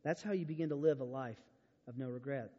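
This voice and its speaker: A man preaching a sermon at a youth camp, animated and storytelling, moving from hushed to emphatic. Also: mid-range voice, brisk. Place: large church auditorium. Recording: dull sound with long hall reverb.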